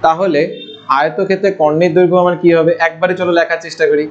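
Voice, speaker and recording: A man's voice: a little high, flat delivery, fast talker. A man teaching an online maths lesson over slides. He talks informally, asking his students questions and answering them himself. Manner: informal, addresses students with familiar forms. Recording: dull lo-fi audio.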